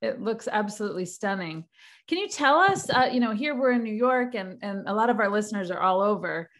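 A woman hosting an interview podcast, welcoming her guest warmly and effusively and asking questions. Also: medium pitch, animated, fairly quick. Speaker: podcast host. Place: New York.

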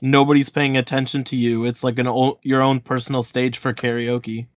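A man's voice: medium pitch, level tone, moderate pace, no echo. A male podcast co-host chatting casually, chiming in with offhand suggestions. His voice is dry and close, with no room sound. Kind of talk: casual chat.

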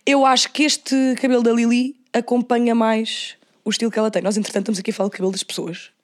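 A young woman with a European Portuguese accent chats at a rapid pace in a fairly high voice. She co-hosts casually, with slang and English phrases mixed in. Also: level tone. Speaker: podcast co-host. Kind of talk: casual chat.

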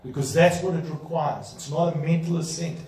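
A man's voice: on the high side, moderate pace, darkish tone, slight background noise. A man preaching a sermon as pastor, driving his points home with emphatic rhetorical questions. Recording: echoey room, voice from a distance.

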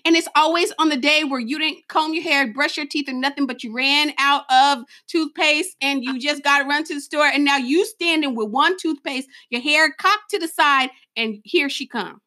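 A young adult woman co-hosting a casual chat about motherhood. She talks in an animated way, laughs often and calls listeners girl and honey. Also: high-pitched, normal speed, hardly any pauses. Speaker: podcast co-host.

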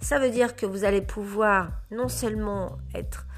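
A woman podcast host giving advice informally and haltingly, with a honking, duck-like nasal voice stuffed up by a cold. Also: mid-range voice, fairly even intonation, faint music behind. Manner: halting, searching for words.

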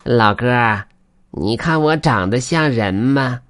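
A man voicing a male weasel spirit who slowly, coaxingly begs to be told he looks human. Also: medium pitch, expressive, a bit bright, voice pushed up. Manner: slow, coaxing, drawn-out asking.

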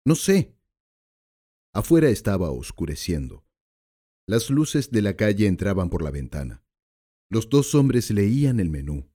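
A man narrating an audiobook in a measured storytelling way. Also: lowish voice, big pitch swings, warm tone, husky.

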